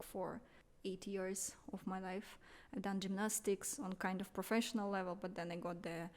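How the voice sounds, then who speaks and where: A Russian woman in her thirties, from Siberia, appears as a podcast guest and marketing entrepreneur, speaking accented English in a medium-pitched, darkish voice. In this conversational interview she comes across as earnest and emphatic, with light laughs.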